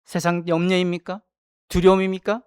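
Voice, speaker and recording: A man's voice: high voice, completely flat delivery, moderate pace, clean tone, no echo, studio quality. A man preaching a sermon as pastor, speaking in repeated parallel phrases and putting questions to the congregation. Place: church sanctuary.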